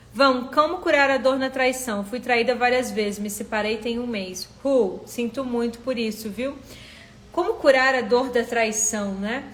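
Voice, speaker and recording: A woman therapist takes viewer questions live. She coaches and keeps asking the listener direct questions, in a fairly high voice. The room is echoey, with faint noise behind her. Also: a bit bright.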